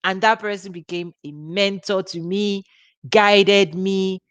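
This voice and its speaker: This ministry host, a woman with a Nigerian accent, offers an informal teaching talk, conversational and punctuated by laughter and restarts. Her mid-range voice is smooth and fairly bright, with fairly even intonation at a slow pace and no echo.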